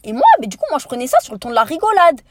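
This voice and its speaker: Young woman ranting thru a storytime podcast, rapid-fire, pretty high voice, dry close sound. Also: no room sound. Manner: animated, indignant storytelling with slangy asides. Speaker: podcast host. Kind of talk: casual storytime monologue.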